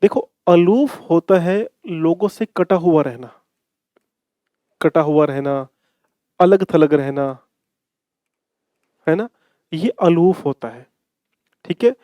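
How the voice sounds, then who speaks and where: A man's voice: on the high side, slow pace, long pauses, warm tone, no room sound, studio quality. A man teaching an exam-prep English grammar lesson, repeating key phrases and answering his own questions. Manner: calls students "bhai".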